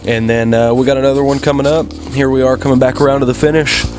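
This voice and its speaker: A man with a mid-pitched voice talks through a motovlog in a casual, folksy style. He rambles along in an easygoing way, like someone chatting to friends. Clear vehicle and outdoor noise runs through the recording. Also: little pitch movement, fast talker. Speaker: motovlogger and amateur off-road racer. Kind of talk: casual vlog commentary over race footage.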